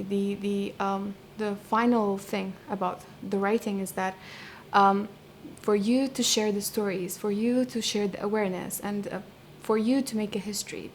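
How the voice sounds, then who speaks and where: With slight background noise, a medium-pitched, darkish voice belongs to a young Kurdish-accented woman from Iraq's Kurdish region. She works as a poet and translator and responds to an interviewer thoughtfully, often pausing and starting over.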